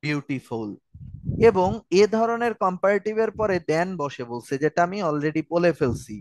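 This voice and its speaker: A man's voice: high voice, lively intonation, normal speed, a little mellow, dry recording, poor audio. Man teaching grammar, dry sound. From Bangladesh. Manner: explains step by step, asks and answers his own questions; answers viewer questions live. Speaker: grammar tutor. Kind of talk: online lecture explaining English grammar.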